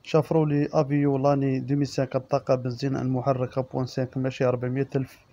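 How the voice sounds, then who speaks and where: A man with an Algerian Arabic accent reading out used-car listings and prices as the regular presenter, in a steady listing manner. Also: medium pitch, rapid-fire, no room sound, muffled recording. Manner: monotone listing of specs and prices.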